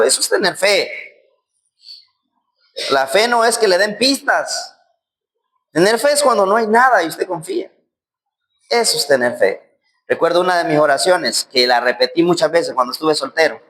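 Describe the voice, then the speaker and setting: A man preaching a sermon as pastor. He swings between loud, emphatic lines and low, soft passages, and acts out quoted voices and prayers.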